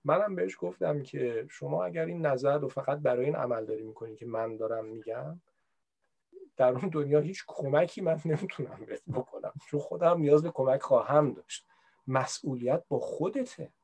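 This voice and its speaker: A man's voice: medium pitch, vocal fry, a little mellow, husky. A man in casual, reflective explanatory talk, conversational and full of everyday examples. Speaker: speaker on religious practice.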